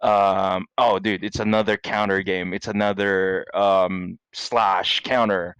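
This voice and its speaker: A man's voice: deep voice, flat delivery, slow pace, a bit bright, clear, resonant tone, no echo, dull audio. A man co-hosting a podcast in casual chat, joking and laughing often. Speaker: podcast co-host.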